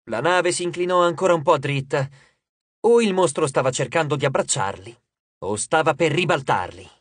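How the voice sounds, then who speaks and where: A man narrating an audiobook in a lively, dramatic storytelling manner on a studio microphone. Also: a little high, moderate pace, no room sound.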